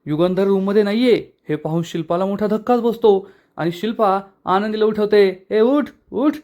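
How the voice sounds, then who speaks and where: A man with a fairly high voice, recapping a TV serial episode. He tells the plot as an animated story. He quotes the characters' lines along the way. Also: moderate pace. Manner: animated storytelling, quoting dialogue. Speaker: TV serial reviewer.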